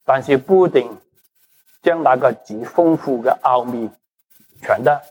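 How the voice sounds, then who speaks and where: With a medium-pitched, slightly rough voice and an unhurried delivery, a pastor gives an animated Cantonese sermon sprinkled with English words. Again and again he asks the congregation something and supplies the answer himself.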